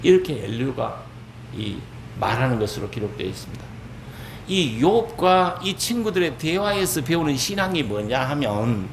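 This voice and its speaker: A male pastor preaching a sermon in an animated way, acting out quoted speech. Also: mid-range voice. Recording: echoey church hall, faint noise.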